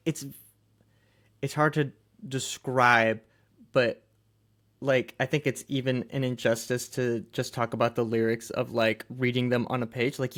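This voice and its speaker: A man's voice: medium pitch, a bit bright. A man co-hosting a music podcast, talking in a loose, rambling way with lots of fillers and easy laughter. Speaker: podcast co-host. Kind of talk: casual chat about music.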